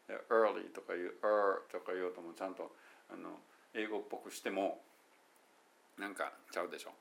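A man with a Kansai Japanese accent giving a casual, chatty English pronunciation lesson, slowly sounding out English words to demonstrate them. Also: low voice, fairly even intonation, gravelly, fairly bright tone. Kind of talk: casual solo lesson talk.

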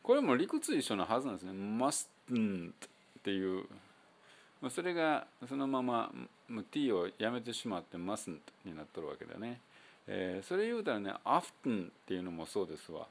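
Kansai-accented male host, low voice, relaxed talky teacher, slows down to demonstrate sounds. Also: vocal fry. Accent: Kansai Japanese. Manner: chatty and loose, with many fillers, slowing down to demonstrate sounds. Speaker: English pronunciation teacher. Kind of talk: casual spoken audio lesson.

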